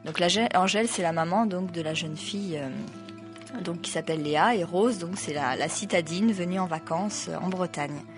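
A woman's voice: fairly low pitch, moderate pace, over music. Woman reading a novel aloud. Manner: hesitant asides with many fillers. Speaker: reader.

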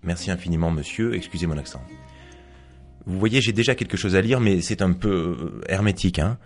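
Man reading aloud as scornful psychologist, dry mocking tone, very low voice. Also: brisk, faint music behind. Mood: sardonic. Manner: dry, mocking monologue with asides to an unseen listener. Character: sardonic rational male psychologist narrator, scornful of belief. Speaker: author reading his novel aloud. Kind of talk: read-aloud first-person fiction.

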